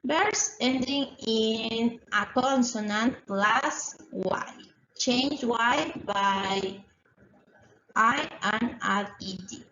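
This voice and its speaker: A woman English teacher with a slightly high, bright voice explains slowly and repetitively in a recorded distance-school lesson, pausing for check-in questions. The lo-fi room recording is echoey and dull, with a little hiss or hum.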